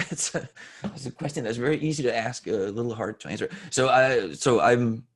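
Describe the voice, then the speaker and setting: Speaking frankly in an interview, a forty-something man from Denmark, Danish by birth, stumbles and corrects himself. His voice is husky and gravelly, pitched in the middle range.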